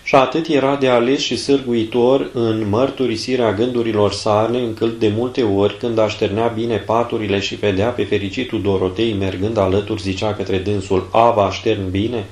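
A man narrating a saint's life aloud in a measured, solemn reading. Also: on the low side, fairly even intonation, darkish tone, roomy sound.

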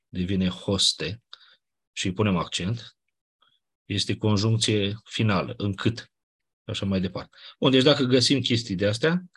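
A man teaches a grammar lesson, explaining step by step with casual asides. His voice sits a little low and has a husky, breathy edge. He keeps checking in with his class as he goes. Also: fairly bright tone. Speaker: Greek teacher. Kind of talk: classroom lecture on Ancient Greek grammar.

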